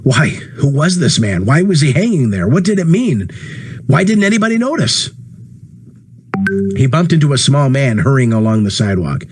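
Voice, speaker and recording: A man with a husky voice reading a story aloud, voicing the dialogue by lifting his pitch. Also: sing-song, moderate pace. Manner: acts dialogue with rising pitch. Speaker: narrator. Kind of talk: audiobook reading.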